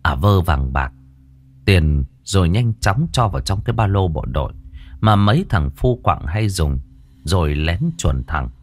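A man narrating a ghost story in an expressive, dramatic storytelling manner. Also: low voice.

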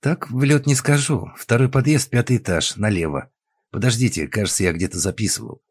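A man voices a sleepy, gruff older police colonel who talks unhurriedly. The voice is husky and a touch raised, and the recording is dry. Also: mid-range voice, fairly quick, dry recording, voice pushed up, close to an everyday voice.

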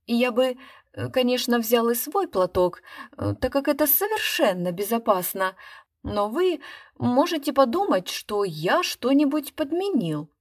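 A woman's voice: fairly high pitch, big pitch swings, unhurried. Woman doing a trembling poor stage magician. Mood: showman patter. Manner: trembling, apologetic showman patter. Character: shabby hungry male stage magician, nervous.

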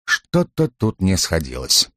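A man narrates a historical adventure audiobook in a steady, dramatic way. His voice sits low, and the recording is dry and close with no room sound. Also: slow, no echo. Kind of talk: scripted narration.

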